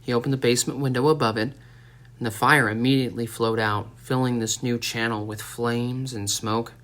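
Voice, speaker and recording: A man reading a dramatic story aloud as an audiobook narrator, in a steady storytelling manner. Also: medium pitch, normal speed. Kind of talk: scripted narration.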